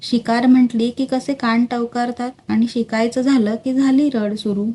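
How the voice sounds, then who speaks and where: A woman's voice: on the high side, little pitch movement, moderate pace, mellow, close to an everyday voice. A woman voicing a teasing, motherly young royal lady in a spoken storybook.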